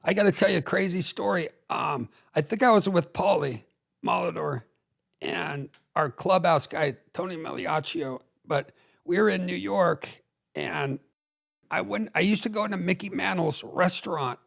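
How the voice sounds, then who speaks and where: A man hosting a podcast, telling a story in a relaxed, loose way with fillers. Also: high voice, moderate pace, vocal fry. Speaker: podcast host. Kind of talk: casual chat.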